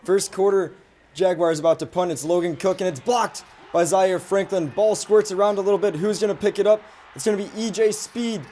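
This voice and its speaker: A young American student sports reporter in his twenties, with an American accent, delivers highlight reads and play-by-play commentary. He has a high, mellow voice with fairly even intonation and a slightly fast pace, and there's a little hiss or hum in the recording.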